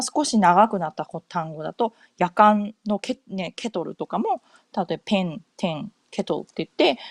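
A middle-aged woman from Japan, hosting a casual podcast at home in North America, speaks in a low-leaning, slightly mellow voice, recorded dry. She rambles loosely, using many fillers and often correcting herself.

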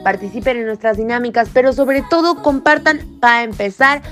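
Woman, news podcast co-host, fairly high voice, faint music behind. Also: normal speed. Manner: lively, laughs between items. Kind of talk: news read with banter.

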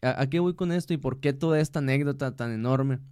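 A man, hosting a casual podcast and telling animated stories, acting out dialogue. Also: medium pitch, fast talker, smooth, no room sound, studio quality. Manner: animated storyteller, acts out dialogue. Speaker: podcast host. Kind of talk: casual chat.

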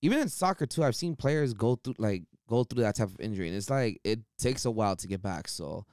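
Blunt, smooth-voiced man talking sports. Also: on the low side, brisk, dry recording, clean studio sound. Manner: blunt, animated, swears freely. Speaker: podcast co-host. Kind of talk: casual sports talk.

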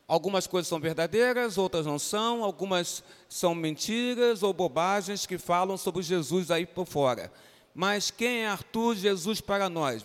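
A man with a Brazilian Portuguese accent, a pastor leading an interactive Bible lesson for children in a church and coaxing them by name to answer. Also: high-pitched. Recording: reverberant church hall.

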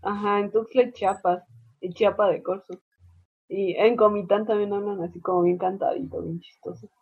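Mexican woman, animated storyteller, breathy voice over a thin phone-like line. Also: mid-range voice, moderate pace. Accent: Mexican Spanish. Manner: animated storyteller, acts out shouted quotes. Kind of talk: casual chat.

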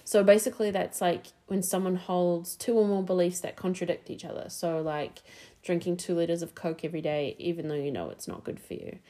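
A woman's voice: fairly low pitch, a little fast, few pauses, warm tone. A young woman with a New Zealand accent, chatting casually as a podcast host, full of fillers and restarts.

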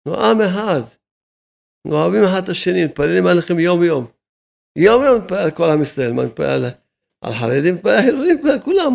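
Male religious teacher, informal sermon, gravelly voice, wildly animated pitch, excitable and repetitive. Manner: excitable, repetitive, laughing, leaps into high shouts.

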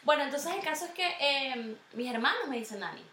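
Brief: Venezuelan Spanish woman co-host, rapid and crisp-toned, a bit distant from the mic in an echoey room with faint room noise. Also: high-pitched, animated. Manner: quick, bright, emphatic. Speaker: podcast co-host. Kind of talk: casual podcast chat.

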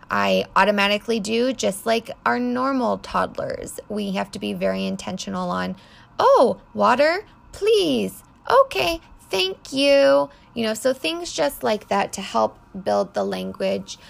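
A woman's voice: mid-range voice, creaky. A woman hosting a podcast, talking through her week as a foster mother in a chatty, unscripted way with lots of ums. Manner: chatty, frequent ums, laughs at herself. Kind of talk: casual podcast monologue.

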